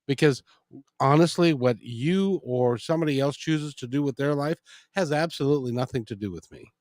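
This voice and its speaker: Earnest male host, mid-pitched voice, dry close sound. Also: normal speed, darkish tone, no room sound. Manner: earnest, repeats words when starting sentences. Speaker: interview host. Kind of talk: casual interview chat.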